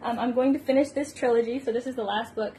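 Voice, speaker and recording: Filming herself in a small bedroom with the phone at arm's length, this young woman talks books in a loose, giggly ramble full of fillers. She speaks fast in a fairly high, steady voice with a dark tone, over slight background noise and poor audio.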